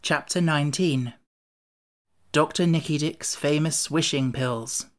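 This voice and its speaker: Low-voiced woman reading a storybook. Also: unhurried. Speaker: audiobook narrator. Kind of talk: scripted storybook narration.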